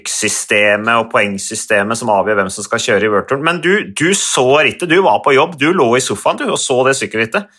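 A man's voice: medium pitch, hardly any pauses, sharp tone. A man hosting a cycling podcast, talking casually and hesitantly with many fillers as he works through his notes. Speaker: podcast host.

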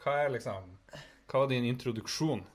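A man's voice: medium pitch, husky. A man co-hosting a show, chatting casually. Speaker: co-host. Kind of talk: casual chat.

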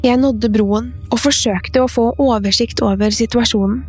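A woman's voice: fairly high pitch, fairly even intonation, a little mellow, husky. A woman reading a scripted first-person horror story in a tense, suspenseful way. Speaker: narrator. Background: faint music.

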